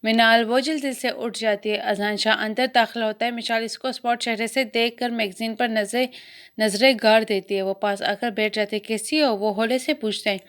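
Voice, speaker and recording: A woman's voice: a little high, fairly even intonation, fairly bright tone, clear, resonant tone. A woman with a Pakistani Urdu accent reading a romance novel aloud, voicing the dialogue as she goes and sometimes restarting a word. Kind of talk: storybook narration with voiced dialogue.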